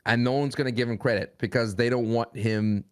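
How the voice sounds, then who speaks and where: A man's voice: medium pitch, steady tone, fairly quick, darkish tone, smooth. A young man talking as a podcast guest in a rambling, casual way. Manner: rambling, frequent restarts and fillers.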